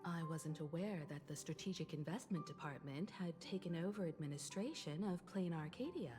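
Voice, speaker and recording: A woman's voice: low voice, over music. An actress voicing a composed, gracious woman who leads a starship crew in a video game. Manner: calm, gracious, measured. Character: composed mature woman, ship navigator and leader.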